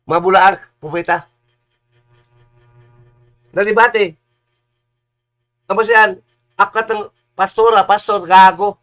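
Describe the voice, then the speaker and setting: Heated male preacher, high-pitched, combative and repetitive, swings into shouting. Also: fairly even intonation, slow, pauses often.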